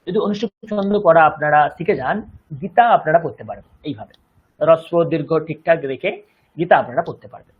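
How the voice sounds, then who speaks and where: A man with a Bengali accent teaching a Sanskrit lesson, speaking slowly and deliberately and chanting verses syllable by syllable. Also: on the high side, husky, phone-quality sound. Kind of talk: online language lesson.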